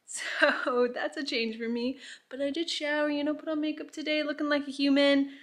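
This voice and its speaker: Holding the camera at arm's length, a travel vlogger in her thirties rambles in an upbeat, casual way. Her voice is high and level, at a normal pace, and the settings shift between hostel grounds, a car and her home bedroom.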